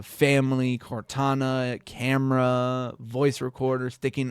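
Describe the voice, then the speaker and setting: The sound is clean and studio-like with no room sound. A young man who makes tech tutorials speaks in a mid-range, congested, stuffy voice, rambling through a laid-back screen-recorded computer tutorial and chuckling off his slip-ups.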